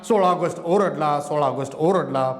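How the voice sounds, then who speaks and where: A man's voice: fairly high pitch, normal speed, roomy sound, soft background music. A man reciting a dramatic poem with fierce passion, repeating lines for emphasis. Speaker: poet.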